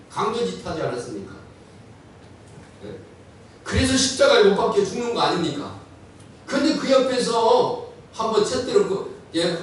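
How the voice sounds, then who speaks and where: Animated preaching man in an echoey church. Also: on the high side, a little hiss or hum. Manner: animated preaching with dramatic quoted voices. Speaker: pastor. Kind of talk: sermon. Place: church sanctuary. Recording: echoey church hall, mic far off.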